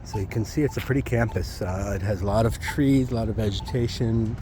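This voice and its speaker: A man's voice: lowish voice, brisk. A man giving a casual, easygoing walking-tour commentary, recorded outdoors as he walks. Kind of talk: casual walking vlog narration. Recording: clear outdoor traffic and ambient noise.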